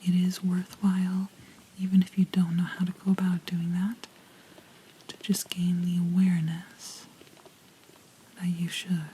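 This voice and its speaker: A woman whispering a gentle, reassuring ASMR pep talk up close to the microphone, pausing mid-sentence in a soft, breathy unvoiced whisper. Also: lowish voice, completely flat delivery, a little hiss or hum, poor audio. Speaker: ASMR host.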